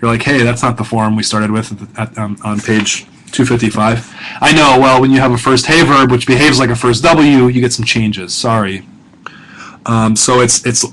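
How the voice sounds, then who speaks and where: A man's voice: medium pitch, bright, forceful tone, a little hiss or hum, low-quality recording. A middle-aged male professor talking students through a grammar lesson, casual and self-correcting, with many fillers and check-ins. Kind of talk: recorded lesson narration.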